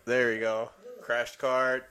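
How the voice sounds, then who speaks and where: A man's voice: medium pitch, flat delivery, slow pace, pushed and bright, clean tone. A man with an ordinary mid-range voice, cracking jokes with his co-host in loose, profane podcast chat. He teases freely and tacks "bro" and "dude" onto most of what he says. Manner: joking, teasing, calls people bro and dude.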